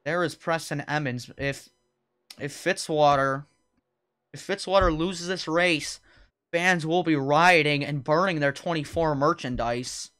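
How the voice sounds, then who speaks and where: Smooth-voiced young man calling sim races. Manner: casual, rambling asides to chat between race calls; loud, high-pitched calls during racing action. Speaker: league host and race commentator. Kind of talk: live-streamed sim racing play-by-play commentary.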